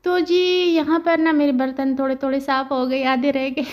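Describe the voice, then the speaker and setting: A woman's voice: high voice, little pitch movement, moderate pace, lo-fi sound. A woman in her thirties with a Pakistani Urdu accent, chatting casually through her household chores as a family vlogger, rambling with many fillers.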